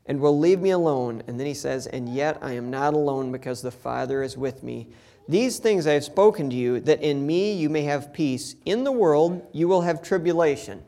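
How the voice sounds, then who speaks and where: A man's voice: on the high side, creaky, mellow. A man reading Bible passages aloud and explaining them in an earnest, conversational teaching style with touches of humor. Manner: reads scripture then explains it conversationally.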